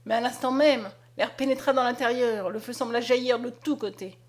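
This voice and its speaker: A woman narrating a story aloud in a dramatic, expressive reading. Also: on the high side, moderate pace. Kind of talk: scripted audiobook narration.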